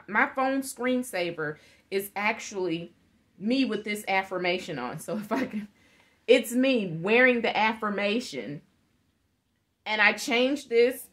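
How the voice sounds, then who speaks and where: A woman in her thirties joins a live video call from her living room as a guest, giving an earnest motivational talk through her webcam. Her voice is medium-pitched with a fairly bright tone. She gestures as she speaks and laughs often.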